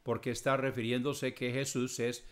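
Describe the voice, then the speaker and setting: A man's voice: medium pitch, level tone. Man explaining Bible verses aloud. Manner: reads scripture verses aloud and explains them; measured, explanatory. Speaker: Bible teacher answering listener questions. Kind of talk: Bible question-and-answer teaching.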